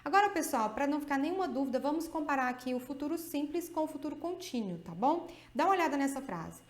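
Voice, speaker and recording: A woman's voice: sits high, lively intonation, quick pace. A woman with a Brazilian Portuguese accent teaching an English grammar video lesson, explaining step by step and checking in often with her students. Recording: echoey room.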